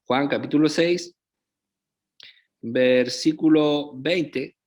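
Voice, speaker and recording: His voice is fairly high but darkish in tone as he preaches in a pastor's role. He speaks slowly and deliberately, repeatedly checking in with listeners through rhetorical questions.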